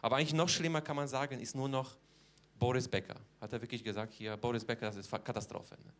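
A man's voice: mid-range voice, steady tone, fast talker, lightly acted. A man doing stand-up as a cheeky, boastful Polish man with a Polish accent, speaking broken German and tagging almost every line with a question. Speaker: comedian in character. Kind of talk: stand-up comedy.

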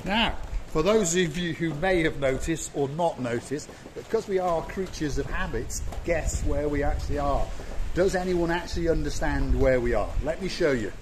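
A man in his fifties presents a walking travel vlog at a seaside harbour outdoors, filming on a phone held at arm's length. Enthusiastic and chatty, he speaks at normal speed in a voice on the high side, with background noise.

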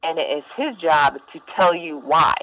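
This woman works a mental health helpline and talks in a blunt, informal way during a relaxed phone conversation picked up by a telephone. She has a deep, slightly bright voice with lively intonation at a moderate pace.

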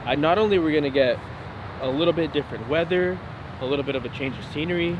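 A man in a casual travel vlog, relaxed and quick to laugh, outdoors on a beach. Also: a little high, muffled recording, noisy background. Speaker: travel companion.

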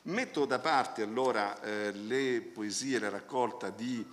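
A man's voice: mid-range voice, takes it slowly, a bit bright. A man presenting a poetry book as a critic, talking through the poems analytically and hesitantly as he searches for words. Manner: analytical, close reading of sound patterns. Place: lecture hall. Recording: long reverb of a hall.

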